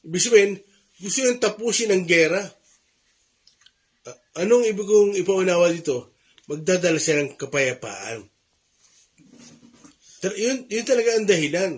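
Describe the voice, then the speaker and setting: A man's voice: high voice, expressive, normal speed, pauses often. A man with a Filipino accent preaching a morning devotion sermon, earnest, repeating his points and rising in emphasis.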